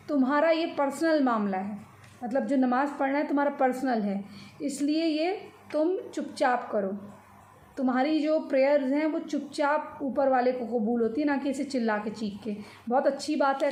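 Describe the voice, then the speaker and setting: A woman with an Indian accent gives informal commentary on social and religious news, explaining haltingly and repetitively while mixing in English words. Her voice is high and a little mellow, recorded in an echoey room with faint noise.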